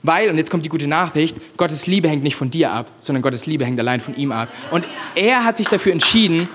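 Male preacher, emphatic and direct, higher register, long hall reverb. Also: expressive, a little fast, fairly bright tone, slight background noise. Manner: emphatic, addresses the congregation directly with repeated phrases. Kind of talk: sermon.

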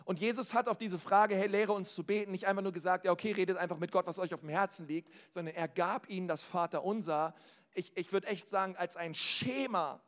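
High-voiced man preaching with punchy energy. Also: a little fast, long reverb tail. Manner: casual and direct, often asks the crowd "okay?"; swings between loud calls and quiet, low asides. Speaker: pastor. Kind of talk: lively sermon to a congregation. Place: hall with a live congregation.

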